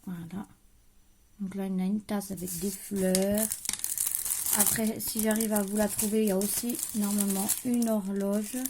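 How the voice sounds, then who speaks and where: A woman's voice: medium pitch, mellow, a little hiss or hum. A young woman chatting casually through a craft haul at home, thinking aloud as she unpacks and trailing off now and then, with a light regional accent. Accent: French-speaking, regional. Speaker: crafting vlogger showing a haul. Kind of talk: casual haul chat to camera. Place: at home, at a craft table, creaky chair.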